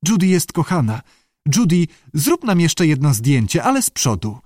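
A squealing, gushing young woman, spoiled and easily excited, her voice lifted high above the reader's own and swinging wildly, as a man reads her out. The storybook delivery is dry and close. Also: normal speed, dry recording.

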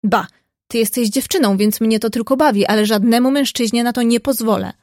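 A woman reading the part of a proud, hot-tempered young gentleman who speaks stubbornly and with indignation. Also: a little high, brisk, no echo, studio quality, close to an everyday voice. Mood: indignant.

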